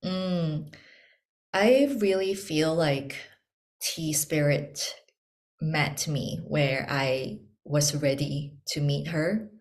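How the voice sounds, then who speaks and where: A woman from Malaysia speaking as an interview guest, soft-spoken and reflective, pausing often with ums. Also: low-pitched. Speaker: guest, tea ceremony practitioner. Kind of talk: casual interview conversation.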